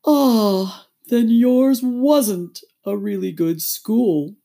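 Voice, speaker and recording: A woman voicing a sad, weepy old male turtle creature in a storybook, speaking very slowly and mournfully with drawn-out words. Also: mid-range voice, creaky, mellow, pitched above the performer's own voice. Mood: melancholy. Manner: very slow, drawn-out, mournful delivery with sighs.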